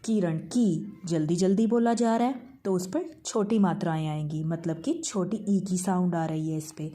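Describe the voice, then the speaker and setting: A woman teaching a Hindi lesson to young schoolchildren. She talks patiently, calls the pupils "beta", mixes English words into her Hindi and draws out each word slowly. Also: on the low side, warm tone. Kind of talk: online class lesson.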